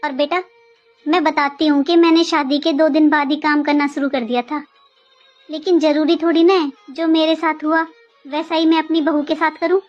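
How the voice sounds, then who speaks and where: A woman playing a middle-aged mother-in-law talks a lot in a very high voice. She scolds and lectures in a home comedy skit, and faint music runs behind her. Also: level tone, moderate pace, lo-fi sound, lightly acted. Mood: gentle advising. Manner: scolding, talkative. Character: middle-aged mother-in-law, sharp-tongued but caring.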